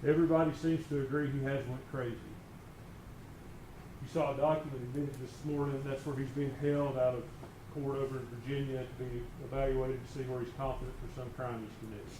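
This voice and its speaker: A man's voice: medium pitch, level tone, fairly quick. A man, a defense attorney giving a plainspoken, folksy closing argument and repeating himself. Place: large indoor courtroom. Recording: echoey room, clear background noise.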